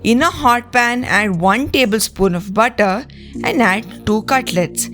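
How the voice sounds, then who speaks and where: A woman reads a recipe voice-over in calm, step-by-step instructions. She speaks slowly, and her pitch moves in a lively, sing-song way. Clear music plays under her voice. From India. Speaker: cooking channel host. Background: clear background music.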